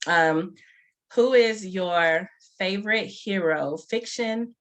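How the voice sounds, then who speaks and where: A woman hosting a casual interview, playful and quick to laugh, repeating lines for emphasis. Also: medium pitch, fairly bright tone. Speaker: host.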